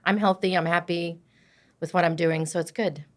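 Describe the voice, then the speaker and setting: A woman in her sixties hosting a podcast, chatting warmly with her guest and often checking in with "right?". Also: on the low side, steady tone, moderate pace. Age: 60s. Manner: warm, affirming, often says "right?". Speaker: podcast host. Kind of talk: casual interview chat.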